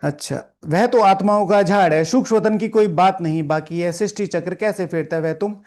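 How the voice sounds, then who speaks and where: Reading a spiritual lesson aloud to a seated class in a meditation hall, a man explains it, scolds his listeners, repeats lines and puts questions to the live audience. His high-pitched, darkish voice moves at a moderate pace, and he frequently checks in with "theek hai."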